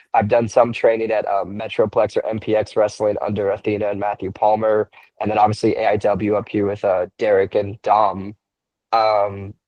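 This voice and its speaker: A young man in his twenties, a wrestler, answering interview questions in a relaxed way, thinking aloud with many fillers and restarts. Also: on the low side, dry recording. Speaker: wrestler, podcast guest.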